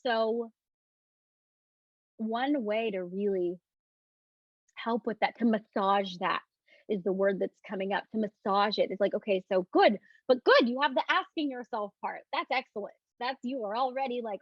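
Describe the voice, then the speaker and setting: Hosting a live online self-love session with breathing cues and viewer questions, a woman alternates between soothing, slow repetition of phrases and loose chatter full of "like" and restarts. Her voice is a little high, the audio dull, with no room sound.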